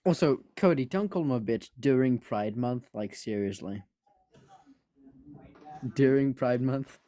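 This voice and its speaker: A man chatting casually on a voice call, rambling and halting, with frequent false starts. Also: medium pitch, dark tone, no room sound. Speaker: panelist on a live debate stream. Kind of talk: casual chat and anecdote. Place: online voice call.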